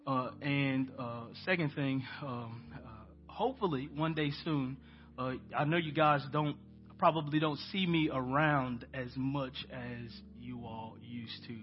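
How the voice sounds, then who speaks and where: A man's voice: medium pitch, measured pace. An American man with a nasal voice from stuffed-up sinuses, speaking informally as a pastor addressing and praying with his church. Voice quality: nasal, congested. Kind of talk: church welcome and prayer. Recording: dull lo-fi audio, clear background music.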